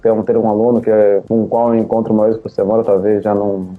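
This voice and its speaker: A man's voice: fairly low pitch, flat delivery, fast talker, faint music behind. A Brazilian man with a Brazilian Portuguese accent, a guest telling his life story in an interview, laughing often and restarting his phrases. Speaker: guest, language teacher. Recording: tinny phone-like line.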